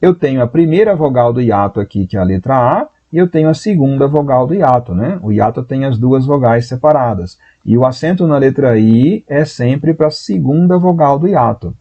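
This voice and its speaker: A Brazilian man teaching Portuguese in a live online exam-prep class, talking in a lively, chatty way and answering viewers by name. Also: medium pitch, moderate pace, few pauses, husky, lo-fi sound. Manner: voices students' doubts in a raised voice.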